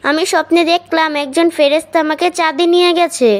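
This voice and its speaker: A woman's voice: very high voice, steady tone, fast, a little hiss or hum. A woman voicing an earnest young boy in a children's cartoon, answering politely and sometimes frightened. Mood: scared.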